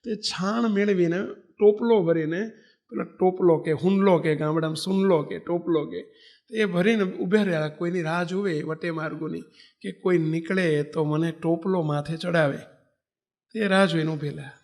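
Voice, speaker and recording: A man's voice: on the high side, moderate pace. A man from Gujarat giving a storytelling sermon, animatedly acting out the figures in a parable. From Gujarat, India. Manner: animated, voices characters in a parable. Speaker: preacher.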